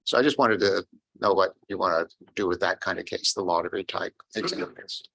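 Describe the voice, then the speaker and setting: A man's voice: low-pitched, a little fast, creaky, sharp tone, rough recording. A man in the audience asking a question after a talk, hesitant with many fillers.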